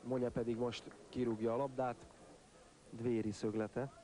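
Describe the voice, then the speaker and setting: A man's voice: medium pitch, little pitch movement, dark tone. A man giving sports commentary on a football match in clipped phrases, naming players and lifting his voice at chances. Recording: stadium crowd noise behind commentary. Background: football crowd.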